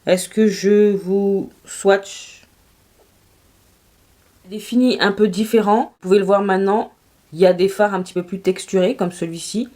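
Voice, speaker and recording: A woman with a French accent, chatting casually through a makeup review, animated and quick to laugh. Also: mid-range voice. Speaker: beauty vlogger.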